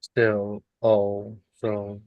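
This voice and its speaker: A man's voice: fairly low pitch, completely flat delivery, drawn-out words, no room sound, dull audio. A man hosting a live stream, chatting casually with wry banter and the odd swear.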